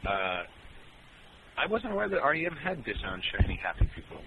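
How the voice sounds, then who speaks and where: A man in a band answering fan questions in a relaxed, rambling way with many ums and uhs. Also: medium pitch, brisk, vocal fry, a little hiss or hum, rough recording. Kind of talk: casual Q&A chat.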